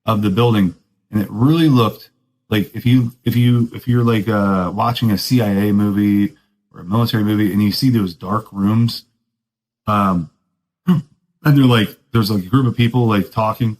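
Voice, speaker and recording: A man's voice: fairly low pitch, fairly even intonation, moderate pace, a little mellow, low-quality recording. A man hosting a podcast, telling a rambling story in casual surfer talk, self-mocking and laughing often. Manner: laid-back surfer talk, keeps saying "dude". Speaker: podcast host.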